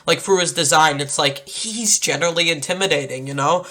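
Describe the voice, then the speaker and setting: A young man with a bright, forceful voice hosts a casual chat podcast. His delivery is halting, with stammered starts as he works toward each point. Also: a little high. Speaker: podcast host.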